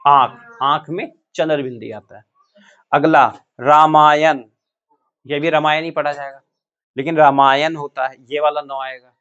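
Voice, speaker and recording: A man's voice: a little high, steady tone, normal speed, sharp tone. A male teacher giving a classroom lesson, asking students questions and repeating the answers. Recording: muffled lo-fi classroom recording.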